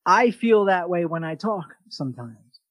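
A man hosting a podcast, giving an energetic motivational talk and often restarting his sentences. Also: high-pitched, unhurried, no room sound, low-quality recording. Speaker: podcast host.

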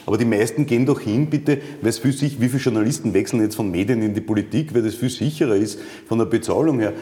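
A man's voice: medium pitch, quick pace, dark tone, big-room sound. A man interviewing a politician, pointed and interrupting, pressing with questions.

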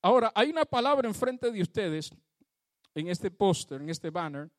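A man's voice: sits high, very animated, moderate pace, no echo, studio quality. A man preaching a sermon to his congregation, fervently calling out praise to God and asking the church questions. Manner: addresses the congregation directly, asks them questions. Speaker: pastor.

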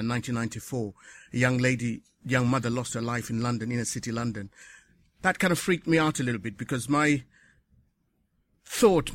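A man speaking at a conference, short of breath, earnest and reflective, pausing to correct himself. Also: mid-range voice, a bit bright. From Zimbabwe. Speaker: conference speaker, patient advocate. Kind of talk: conference speech. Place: conference hall.

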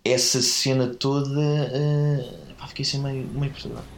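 A man's voice: medium pitch, steady tone, measured pace, echoey room, slight background noise. A man with a European Portuguese accent, telling a story in casual chat, rambling and often correcting himself. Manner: rambling, self-correcting, laughs at own mix-ups.

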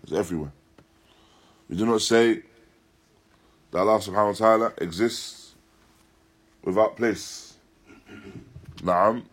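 In a lesson broadcast live from an Islamic centre, a religious teacher with a fairly low, slightly husky voice explains a text. He moves in deliberate, halting phrases, emphatically goes back over his points, and includes Arabic recitation.

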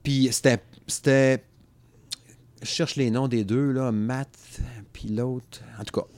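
A man's voice: mid-range voice, fairly even intonation, slow pace, a little mellow. A man in his thirties with a Quebec French accent, rambling casually about music on a podcast and laughing often. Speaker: podcast co-host.

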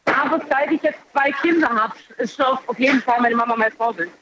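A woman's voice: a little high, brisk. A woman in her thirties calling a radio show over a bluetooth headset phone line from her noisy workplace, answering plainly and briefly. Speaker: caller. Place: noisy parcel sorting center at work.

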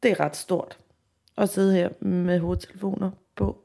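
Husky, gravelly middle-aged Danish woman. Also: medium pitch, little pitch movement, warm tone. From Denmark. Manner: self-deprecating, hesitant with many fillers; slow, reflective voice-over narration. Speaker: podcast host. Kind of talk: personal audio diary. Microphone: handheld mic that pops on P sounds.

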